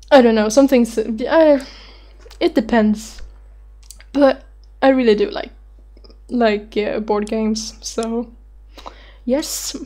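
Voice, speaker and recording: Twenty-something girl on her webcam, kinda high voice, slow rambly chat, giggly, swears a bit. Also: dark tone. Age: 20s. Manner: rambling, giggly, self-deprecating, swears casually. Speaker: vlogger answering viewer questions. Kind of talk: casual chat.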